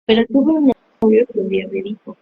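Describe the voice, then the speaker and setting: A woman's voice: a little high, brisk, vocal fry, phone-quality sound, a little hiss or hum. A woman telling personal stories in a casual live conversation, acting out quoted dialogue. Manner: animated storytelling, acts out quoted dialogue. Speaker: host. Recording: echoey room.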